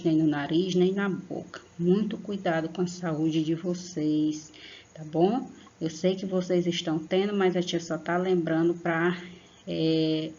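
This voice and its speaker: A woman's voice: on the low side, mellow, muffled recording. A woman teaching an online grammar lesson to young pupils, patient and affectionate, drawing out sounds and often checking in with the class. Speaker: primary school teacher.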